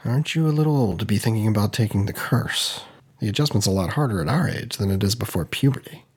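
A male narrator voicing a calm, caring man who gently reasons with a friend. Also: fairly low pitch, fast, breathy edge. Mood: earnest.

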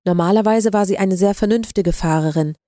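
A woman reading a story aloud in an even, measured way. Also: mid-range voice, dry recording, clean studio sound. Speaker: narrator. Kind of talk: audiobook narration.

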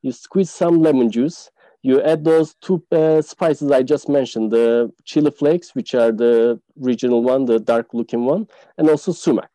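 A man speaks as a guest on a casual podcast, describing local dishes and pausing often on "uh". His voice is very dark and mellow. The sound is dry and close, with little room in it. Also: medium pitch, no room sound, poor audio. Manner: explanatory, many "uh" fillers. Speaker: tour guide guest.

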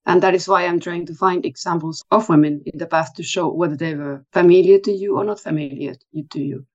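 A woman academic, a guest on an interview podcast, speaking in a measured, thoughtful way. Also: fairly low pitch, darkish tone, highs cut off. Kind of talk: interview conversation.

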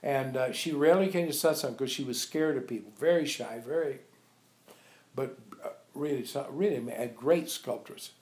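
Telling informal stories to a small group, an older monk and abbot brings his teacher's words to life by animatedly acting out the dialogue. His medium-pitched voice is a little mellow and moves at a normal speed. The setting is an echoey room with a few visitors.

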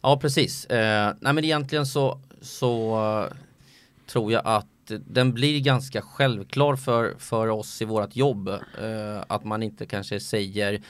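A sports commentator talking in a casual podcast chat, hesitant and full of filler sounds. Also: male voice, lowish voice, no echo.

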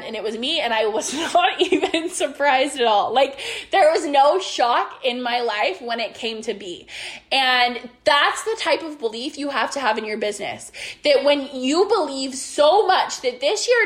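A young woman with a high-pitched voice, worn from recent illness, gives a casual yet earnest monologue coaching on business and belief. She rambles and often restarts her sentences.

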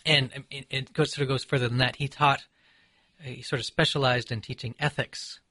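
A man from Seattle, an author and poet being interviewed, who speaks in a measured, reflective way with frequent pauses and ums. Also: mid-range voice, fairly even intonation, bright, forceful tone, dry recording. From Seattle, USA. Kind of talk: thoughtful conversational interview.

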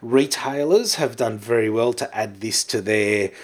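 A middle-aged man, hosting a casual design podcast in a friendly, brisk way. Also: mid-range voice. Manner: friendly, brisk, says mate. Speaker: podcast host. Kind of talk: casual chat.

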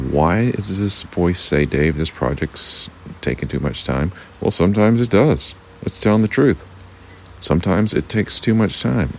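A man speaks in a very low, gravelly frog voice, hoarse and croaking. He hosts a thoughtful solo podcast, talking off the cuff. A light noise sits behind him. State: temporarily hoarse. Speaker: podcast host. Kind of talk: reflective solo podcast monologue.

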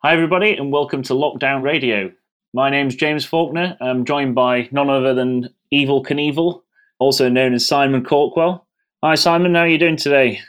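A man's voice: mid-range voice, moderate pace, a bit bright, clean tone. A man hosting a podcast and putting questions to a guest in a conversational way. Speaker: podcast host, interviewer. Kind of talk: conversational interview.

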